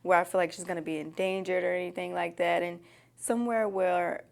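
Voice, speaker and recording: A woman's voice: fairly low pitch, steady tone, a little fast, gravelly. A woman giving candid, conversational answers as an interviewee. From Nashville, Tennessee.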